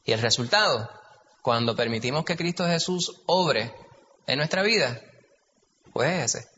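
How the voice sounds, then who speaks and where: Bright-voiced Puerto Rican man leading Bible study. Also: mid-range voice, expressive, a little slow. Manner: chatty, asks the group questions. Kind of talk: conversational Bible teaching. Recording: dull, echoey hall recording, faint hiss.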